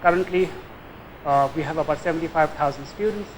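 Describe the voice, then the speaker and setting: Older male lecturer, Tamil Indian accent, fairly high voice, conversational delivery with questioning tags, light background hiss. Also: a little fast, rough recording. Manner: conversational, often tags phrases with "eh?" or "yeah?". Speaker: guest lecturer, nuclear engineering professor. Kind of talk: informal public lecture.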